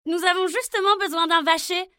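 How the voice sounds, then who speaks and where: A woman's voice: very high-pitched, steady tone, fairly quick, bright, forceful tone, dry recording, clean studio sound, pitched above the performer's own voice. A woman voicing three cheerful, welcoming young princesses in a storybook reading.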